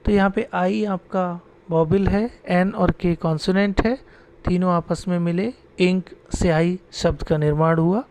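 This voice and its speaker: A man's voice: high-pitched, fairly even intonation, unhurried, a little mellow, slight background noise. A male grammar teacher who dictates definitions word by word, repeats them, then explains them in Hindi, checking in with short asides. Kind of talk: classroom-style grammar lesson.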